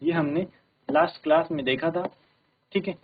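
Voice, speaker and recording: A man's voice: high-pitched, normal speed, vocal fry, slight background noise. Man teaching grammar over tinny audio. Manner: steady, repeats "ठीक है" to check understanding. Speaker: English teacher. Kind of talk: classroom lesson explaining grammar. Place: broadcast studio classroom.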